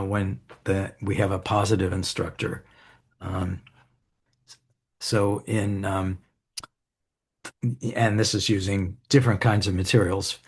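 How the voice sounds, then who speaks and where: A man delivers a conference keynote in a fairly low voice with a gravelly edge. He walks the audience through research findings in an easygoing way, often pausing on "um" and restarting his sentences. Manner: relaxed, with frequent ums and restarts. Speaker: keynote speaker. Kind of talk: academic keynote lecture. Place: conference hall.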